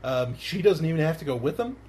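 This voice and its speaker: A man's voice: fairly high pitch, very animated, fast talker, darkish tone, slight background noise. Rambling male podcast host. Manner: rambling, many fillers and restarts, laughs often. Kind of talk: casual podcast chat.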